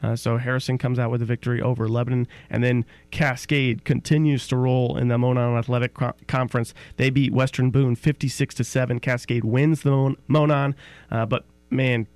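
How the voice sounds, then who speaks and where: A man's voice: mid-range voice, dry recording. Man reading sports scores, casual. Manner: reads scores briskly, relaxed chat. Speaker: sports show co-host.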